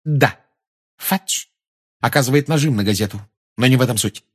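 A man's voice: fairly high pitch, sing-song, normal speed, slightly rough, pitched above the performer's own voice. A man reading an audiobook, voicing a cold, mocking female journalist in a raised voice. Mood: businesslike. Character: sharp, scornful adult female journalist.

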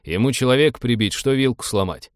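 A man voicing a gruff, blunt male ship pilot who talks in plain slang. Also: medium pitch, a little fast, no room sound, studio quality, lightly acted.

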